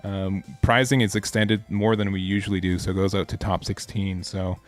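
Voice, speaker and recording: A man's voice: low-pitched, little pitch movement, normal speed, faint music behind. A man hosting a live card game tournament stream, commentating casually in a laid-back, rambling way with self-mocking asides.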